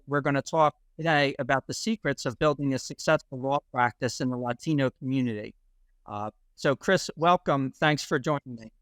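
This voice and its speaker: A man hosting a video podcast, reading a scripted intro and then asking questions with some halting repeats. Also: mid-range voice, fairly bright tone, clean tone, no room sound. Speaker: podcast host, interviewer.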